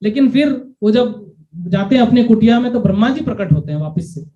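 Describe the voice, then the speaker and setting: High-voiced man giving a devotional lecture. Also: expressive, brisk, mellow. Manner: asks the audience questions, mixes English phrases into Hindi. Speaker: lecturer on scripture. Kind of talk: devotional lecture with sung verses. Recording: dull lo-fi recording.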